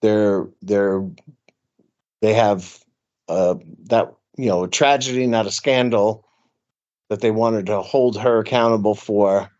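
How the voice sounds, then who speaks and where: A man co-hosting a podcast, talking earnestly in casual political chat with many halting restarts. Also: on the low side, fairly even intonation, darkish tone, dull audio. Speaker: podcast co-host.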